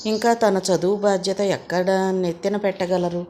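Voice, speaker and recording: A woman reading a novel for an audiobook, steady and expressive, with a mid-range voice that carries the story clearly. Her pacing is measured and even. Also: medium pitch, slight background noise. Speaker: audiobook narrator. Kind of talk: scripted novel narration.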